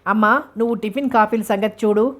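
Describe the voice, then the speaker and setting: A bustling elder brother gives quick instructions as he hurries to arrange a match, voiced by a woman reading a novel aloud. The pitch stays even and flat throughout. There is little change from the reader's own voice. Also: close to an everyday voice. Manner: hasty and bustling.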